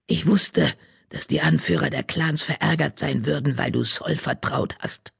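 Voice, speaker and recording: A man voicing a blind, hairless old tomcat who speaks in a croak. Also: mid-range voice, animated, measured pace, a bit bright, dry recording, studio quality, exaggerated voice. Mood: grave.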